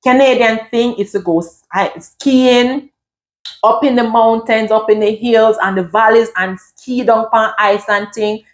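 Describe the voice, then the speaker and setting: A woman's voice: on the high side, unhurried. A middle-aged woman from Jamaica with a Jamaican accent, talking casually to camera as a vlogger and slipping into patois phrases. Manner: lively, switches into patois phrases.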